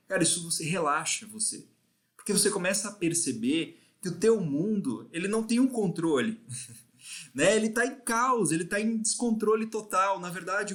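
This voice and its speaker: A man's voice: a little high, a bit bright. A man with a Brazilian Portuguese accent, teaching a class on acupuncture philosophy in a casual way, often adding "né?" to the end of his sentences. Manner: casual, frequently tags phrases with "né?". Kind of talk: recorded lecture.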